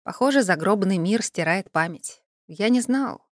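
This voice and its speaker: Woman voicing a calm wry male necromancer. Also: mid-range voice, a little slow, no room sound, studio quality, close to an everyday voice.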